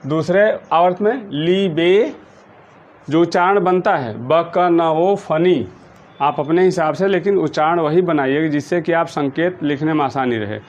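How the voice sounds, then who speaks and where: A man teaches chemistry in a patient, repetitive way, at times chanting memory syllables in a slow sing-song. His voice sits a little high for a man. The recording is dull and lo-fi. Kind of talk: blackboard-style lesson explanation.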